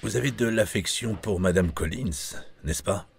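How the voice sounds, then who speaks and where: Calm questioning male police inspector, read by a man, deep husky voice, polite and measured. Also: no room sound, heavily acted. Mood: probing. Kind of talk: audiobook character reading.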